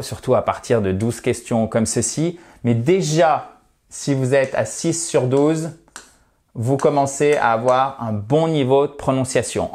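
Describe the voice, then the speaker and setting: A man's voice: medium pitch, darkish tone. Male teacher, casual online lesson, chatty, reassuring, friendly asides. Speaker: English teacher.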